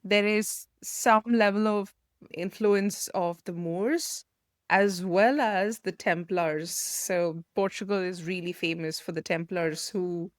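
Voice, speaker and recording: A woman's voice: lowish voice, slow pace, dry recording, clean studio sound. A woman born and raised in India, co-hosting a podcast and telling stories in a chatty, enthusiastic way. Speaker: podcast co-host. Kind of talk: casual chat.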